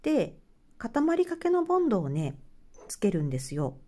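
A woman's voice: mid-range voice, huge pitch swings, normal speed, dark tone. A woman with a Hokkaido Japanese accent, hosting a craft channel and chatting casually while she works, laughing often and murmuring to herself. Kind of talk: casual craft tutorial chat.

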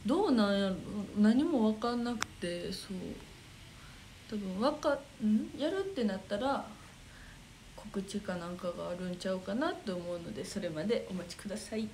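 A woman's voice: mid-range voice, animated, moderate pace, a little mellow, slight background noise, poor audio. Giggly young Kansai woman streamer. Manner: chatty, giggly, mutters while searching comments. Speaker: idol livestream host. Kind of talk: casual livestream chat reading comments.

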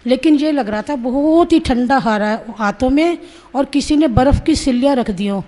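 A woman's voice: sits high, moderate pace, warm tone. A woman in her sixties gives an earnest, vivid personal testimony, acting out her own quoted words as she tells it. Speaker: Sahaja Yoga practitioner giving a testimony.

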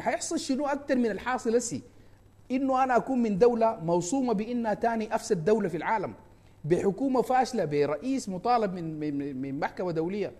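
A man with a Sudanese Arabic accent, a presidential candidate giving an impassioned campaign talk, fast and fervent, with frequent hesitations and restarts. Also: sits high, warm tone.

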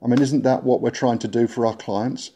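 A man speaking as a guest consultant in a conversational podcast interview, animated and acting out little quoted remarks. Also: mid-range voice, a little fast. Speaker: guest consultant on workplace politics.

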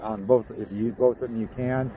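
A man's voice: mid-range voice, steady tone, a little fast. A plain-spoken man walking around a boat outdoors, listing its parts and specs in a casual commentary. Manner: plain-spoken, rattles off specs and part names. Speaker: boat inspector walking through a boat. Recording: outdoor recording with clear street noise.

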